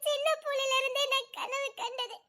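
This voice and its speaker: A devastated young pregnant wife from a TV serial, with a Tirunelveli Tamil accent. Her voice sits very high, and she breaks between sobbing, bitter laughter and raised accusations. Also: level tone, normal speed, a crowd in the background. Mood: distraught. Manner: sobbing, laughing through tears, shouting accusations. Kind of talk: TV serial acting.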